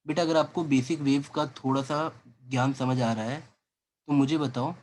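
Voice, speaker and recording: A man's voice: medium pitch, steady tone, moderate pace, a little mellow, a little hiss or hum. A man teaching physics in a lecture, coaxing students along and voicing their doubts as questions. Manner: coaxing, voices student doubts, calls listener beta. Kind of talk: classroom lecture.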